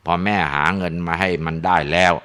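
A man narrating a ghost story in a relaxed way, with frequent tag particles and filler sounds. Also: low voice, a little fast, smooth.

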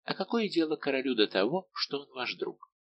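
A man's voice: mid-range voice, big pitch swings, fairly quick, dull audio, a little hiss or hum, voice pushed up, lightly acted. A man reading an audiobook, voicing a proud, jealous young royal princess with an imperious manner. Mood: haughty. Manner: imperious, then pleading.

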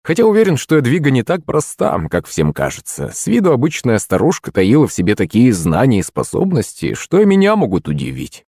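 Male audiobook narrator, first-person fantasy, animated, dry close sound. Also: mid-range voice, a little fast, hardly any pauses, husky, no echo.

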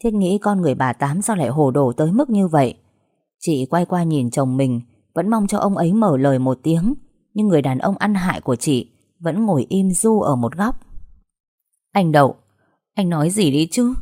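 Dark-voiced woman reading a story. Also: expressive, normal speed. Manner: acts out quarrels with raised pitch and volume. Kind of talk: dramatized audiobook reading with character voices.

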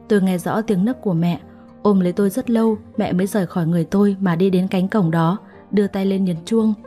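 Mellow-voiced young woman storyteller. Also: medium pitch. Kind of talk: first-person story narration.

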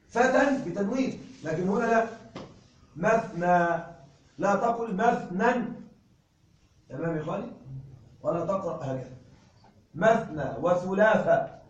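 A man's voice: high voice, highs cut off. Guy teaching grammar, stretches words out and keeps asking if u follow, sounds far from the mic. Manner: drawn-out, repeating patterns and quizzing listeners. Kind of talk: classroom grammar lesson. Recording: very echoey room, mic far off.

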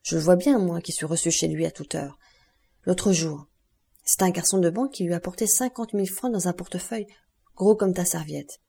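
A woman voicing a smug, sly young man in an audiobook, confiding and boastful as he talks. The voice is dark and husky with a gravelly edge. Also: fairly low pitch, a little fast.

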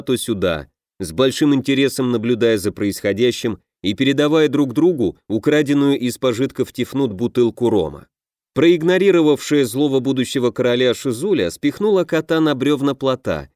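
A man reading a fantasy audiobook in a measured storytelling manner. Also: mid-range voice, darkish tone, no room sound, studio quality. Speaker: audiobook narrator. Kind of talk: scripted fantasy narration.

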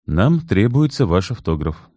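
A patient, tactful male investigator who talks calmly and coaxes gently, as the reader voices him in a storybook. The voice is deep and mellow, recorded dry and close. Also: unhurried, no echo. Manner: calm, gently persuasive. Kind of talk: audiobook character voice.

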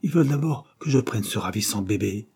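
A headstrong, impetuous young woman, merry and quick to ask after everyone, voiced by a man reading a storybook. The voice sits noticeably higher than his own and keeps a dark, slightly husky grain. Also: natural voice. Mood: playful. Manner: eager, quick questions. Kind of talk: audiobook character reading.

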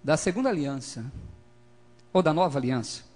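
A man preaching a lively sermon, calling for responses from the congregation and swinging between loud emphasis and quiet asides. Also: fairly high pitch, moderate pace.

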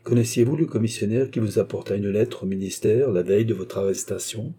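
A man doing a formal measured magistrate. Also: fairly low pitch, dark tone, husky. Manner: formal, deliberate.

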